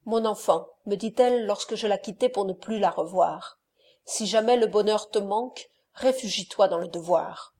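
A woman reading the part of a young wronged countess in an audiobook, with a firm, measured voice. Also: medium pitch, dark tone, natural voice. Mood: reproachful.

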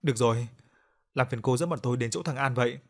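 Man doing irritable middle-aged father, gruff, audio story. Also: medium pitch, fast talker, natural voice. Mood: restrained.

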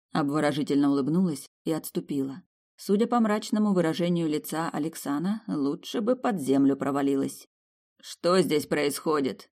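An audiobook narrator reading a first-person fantasy story in a lively, expressive way. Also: medium pitch.

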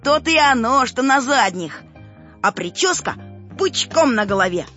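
A woman's voice: high voice, lively intonation, moderate pace, pushed and bright. A woman voicing a dreamy, observant boy who eagerly explains what he sees in the clouds, in a children's audiobook. The recording is a little dull, with faint music underneath.

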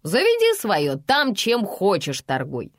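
A stern café owner, scolding and contemptuous, loud and drawn-out in her complaints, as a woman narrator puts her on. Her voice is dry and close in this storybook reading. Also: medium pitch, huge pitch swings, no room sound.

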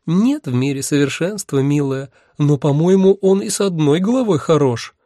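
A man's voice: a little high, lively intonation, moderate pace, dark tone, dry recording, clean studio sound, pitched above the performer's own voice, lightly acted. A man voicing a cooing two-headed maiden. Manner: gushing, cooing, sing-song. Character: lovestruck giggly two-headed young maiden. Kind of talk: audiobook character voice.

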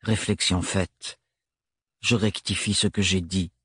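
A severe, cold man, as a male narrator puts him on, speaks in a low, curt monotone with a husky edge. The reading is close and dry, as in an audiobook. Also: slow, no room sound, heavily acted. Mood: stern.

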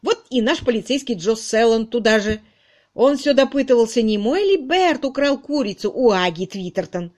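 A woman voicing a loud, bossy middle-aged charwoman in an audiobook, brusque and exclaiming. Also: on the high side, lively intonation, moderate pace, voice pushed up, lightly acted. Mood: gushing. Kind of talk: audiobook reading.

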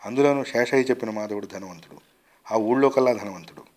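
A man reading a short story aloud in a measured, expressive storytelling manner. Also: fairly low pitch. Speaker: story reader.

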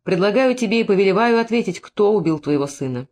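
A woman voicing a stern, cold old male high priest who speaks in a measured, commanding way, in an audiobook reading. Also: lively intonation, darkish tone, close to an everyday voice.

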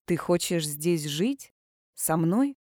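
A woman reading a gruff, earnest man in love. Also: on the high side, big pitch swings, slow, darkish tone, dry recording, studio quality. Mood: stunned. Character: gruff smitten man, newly engaged.

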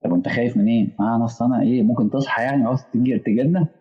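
A man's voice: mid-range voice, very fast, big-room sound, dull audio. A man with an Egyptian accent preaching a colloquial sermon, acting out back-and-forth dialogues with imagined listeners. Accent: Egyptian Arabic.

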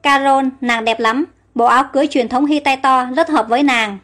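A woman's voice: sits high, steady tone, brisk, a bit bright. A woman reading a tender young prince. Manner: affectionate, courtly.

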